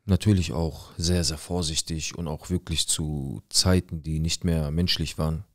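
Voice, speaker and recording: A man's voice: extremely low pitch, steady tone, moderate pace, a bit bright, dry recording, clean studio sound. A young man telling a personal story in casual street slang, acting out quoted dialogue. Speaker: guest telling his life story.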